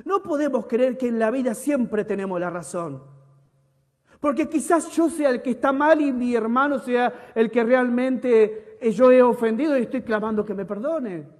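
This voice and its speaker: A male pastor preaching a sermon, reading scripture with emphasis and then dropping to soft, close asides. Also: very high-pitched, moderate pace. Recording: long hall reverb.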